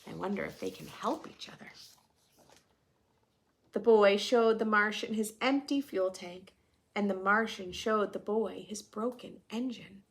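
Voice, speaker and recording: Reading a storybook to young kids, this woman speaks a little slowly at medium pitch. She's expressive and breaks off for chatty, questioning asides to her audience.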